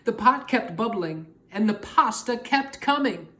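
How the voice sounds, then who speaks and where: A woman's voice: fairly high pitch, lively intonation, unhurried, sharp tone. A woman storyteller reading a picture book aloud expressively, talking directly to young listeners.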